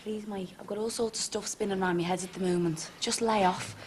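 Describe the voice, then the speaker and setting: An actress playing a harried working woman, brisk and firm, in a 1980s TV soap. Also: medium pitch, steady tone, slight background noise, close to an everyday voice.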